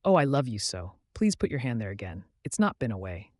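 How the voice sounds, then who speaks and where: A man's voice: medium pitch, sing-song, fairly quick, darkish tone, no echo, clean studio sound. A man voicing a tender, fragile young woman.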